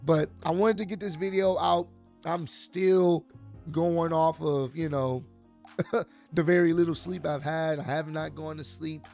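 A man in his thirties, voice hoarse, worn out and mostly gone, casually recaps a wrestling show for his channel from a home studio. His voice sits a little high and moves a little slowly, and he's animated, talking with his hands in a loose, slangy way. He uses a large studio mic on a boom arm, with soft instrumental music behind him.

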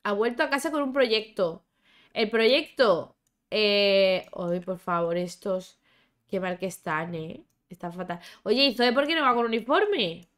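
A woman's voice: mid-range voice, measured pace, a bit bright. A young woman giving chatty, exclamatory commentary as she plays a life-sim game, talking to her characters and her viewers. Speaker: gaming YouTuber. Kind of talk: casual gameplay commentary.

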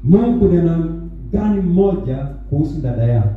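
A man interpreting a sermon live in a church hall, restarting words quickly as he translates. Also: on the high side, expressive, slight background noise. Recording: echoey hall, distant and dull.

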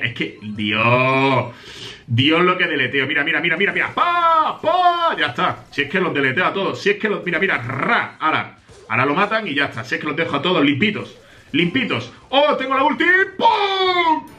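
A man's voice: a little high, pushed and bright. A young man from Spain with a Spain Spanish accent commentates his gameplay in a hyped, boastful way, rattling off repeated words. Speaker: gaming youtuber.

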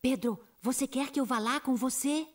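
A woman voicing a gentle gazelle schoolteacher in a dubbed cartoon, announcing a school play in a theatrical way. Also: sits high, normal speed, slight background noise, lightly acted. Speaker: teacher presenting a school play.

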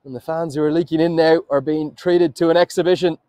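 A man calling a cricket match live from the commentary box, building to excited shouts at the big moments. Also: on the high side, quick pace, clean tone, no room sound, poor audio.

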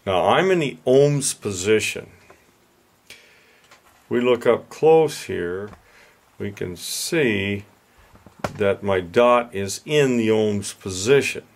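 Older repair guy, low voice, talks real slow and folksy, showing how his meter works at the bench. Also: expressive. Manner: plain-spoken, unhurried, folksy. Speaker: HVAC repair instructor. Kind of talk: hands-on instructional demonstration.

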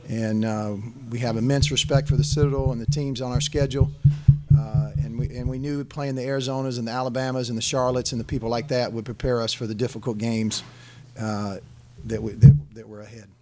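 Seated at a table in a press conference room, a middle-aged head basketball coach answers questions emphatically into a desk microphone on a stand, often restarting and repeating phrases. His mid-range voice has a level tone and a slightly fast pace, with music playing behind him.

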